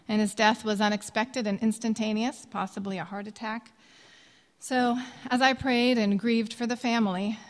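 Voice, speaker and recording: A woman in her thirties who grew up in Indonesia, earnestly and gently introducing a worship song she wrote. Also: a little high. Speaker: songwriter. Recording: long reverb with soft music behind.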